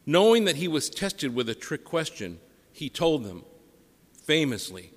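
A male priest with a slightly high voice reads scripture and preaches in short, deliberate phrases. His words ring out with the long, lingering echo of a large church, as if heard in a cathedral. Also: sing-song. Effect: cathedral echo, long church reverb. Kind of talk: gospel reading and homily.

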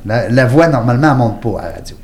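A man's voice: medium pitch, very fast, crowd noise. A man with a Québécois French accent hosting a radio talk show, jovial and joking as he tells anecdotes. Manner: jovial, joking, animated storyteller. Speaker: radio host.

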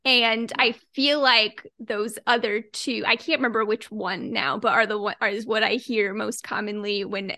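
Bright-voiced woman podcast co-host. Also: medium pitch, steady tone, moderate pace, hardly any pauses, no room sound. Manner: chatty, leads the topic with frequent laughs. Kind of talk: casual chat.

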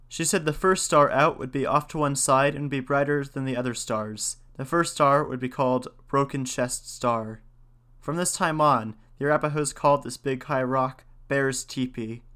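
A man reading folk tales aloud in a measured, plain way and commenting on them. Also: mid-range voice, sharp tone. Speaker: storyteller and commentator.

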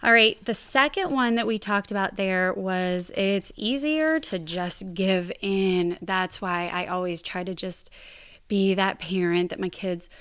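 A woman talking through parenting tips in a relaxed, candid way, owning up to her own slips with a laugh. Her voice sits at a middle pitch and comes across smooth and resonant. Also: measured pace. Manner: candid, self-deprecating, laughs at herself. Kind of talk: casual parenting advice talk.

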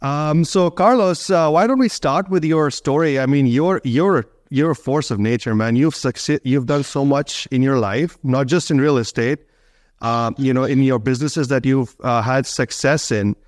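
A man's voice: medium pitch, moderate pace, dry recording, clean studio sound. A man hosting an interview podcast, talking in a loose, conversational way with many ums and you-knows. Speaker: podcast host, physician.

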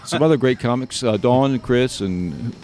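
A man, a comedian co-hosting a podcast, with dry, deadpan quips in casual chat. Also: medium pitch, normal speed. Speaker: comedian co-host.

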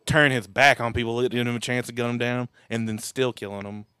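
A man's voice: mid-range voice, fairly even intonation, brisk, sharp tone, clear, resonant tone, dry recording. A man with a mid-range voice hosts a casual movie watch-along. He talks in a laid-back way with casual swearing. The sound is dry and close. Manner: laid-back, crude, runs the recording. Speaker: podcast host.

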